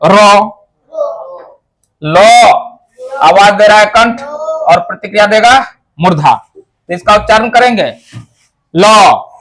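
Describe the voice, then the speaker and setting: Step by step, a high-pitched man with a fairly bright tone teaches Sanskrit pronunciation, answering the questions he himself raises. He demonstrates each sound by pronouncing it slowly.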